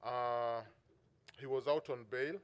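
A middle-aged man with a Ugandan accent, speaking on a symposium panel as a prosecutions director and telling an anecdote from his office in a measured way, with many "uh" fillers and restarts. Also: mid-range voice, steady tone, clear, resonant tone.

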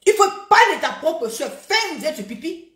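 A woman hosting a live stream, talking in an animated, mocking, repetitive way. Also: extremely high pitch, normal speed, roomy sound. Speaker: livestream host. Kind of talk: heated live-stream rant.

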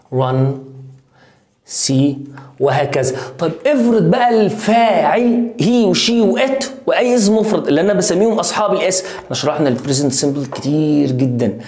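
A man with an Egyptian Arabic accent teaching English to young pupils in a lively, playful way, repeating drill words slowly. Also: on the high side. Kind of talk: online lesson for young pupils. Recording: roomy echo.

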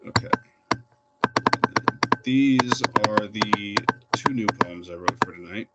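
A man's voice: on the low side, takes it slowly, highs cut off, heavy background noise. A young man reading his own poems aloud at an open reading, plain and unpolished, with fillers between poems. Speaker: poet reading. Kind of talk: poetry reading.

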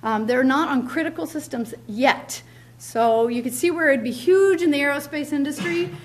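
A woman's voice: high voice, moderate pace. A middle-aged woman giving a keynote lecture at a podium in a large lecture hall, emphatic, repeating key words, with frequent ums. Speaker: keynote speaker. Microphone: podium mic, filmed from far back.

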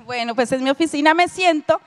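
A woman's voice: sits high, fairly quick. A middle-aged woman giving a lecture with a personal testimony, telling her story and speaking directly to her audience. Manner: storytelling, addresses listeners directly, acts out quoted dialogue. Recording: long hall reverb.

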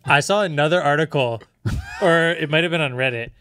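A man's voice: a little high, fairly quick, pushed and bright, a little hiss or hum. A man co-hosting a tech podcast in casual chat, rambling with lots of fillers. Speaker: podcast co-host.

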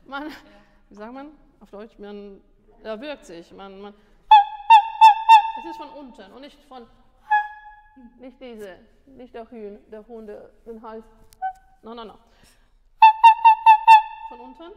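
Woman vocal coach, fairly high voice, animated and repetitive, tired, long reverb of a school room. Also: slow, pauses often, soft background music. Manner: animated, repeats words, mixes in English. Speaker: singing teacher. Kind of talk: masterclass coaching.

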